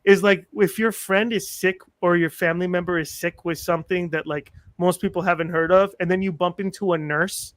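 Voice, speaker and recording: High-voiced man in his forties telling stories. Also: fairly quick, hardly any pauses, no echo. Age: 40s. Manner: animated, self-mocking humor, acts out quotes. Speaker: podcast guest. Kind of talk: casual storytelling chat.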